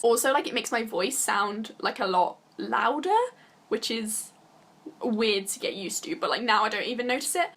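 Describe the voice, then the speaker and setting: A woman's voice: on the high side, a bit bright. A young woman from Britain chatting casually to camera as a vlogger, giggly and full of fillers. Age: young adult. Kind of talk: casual vlog talk to camera.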